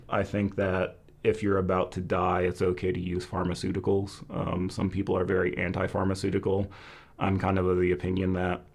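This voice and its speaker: Low-pitched man thinking aloud casually. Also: a little mellow. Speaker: host of a Chinese medicine Q&A. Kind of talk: casual live Q&A talk.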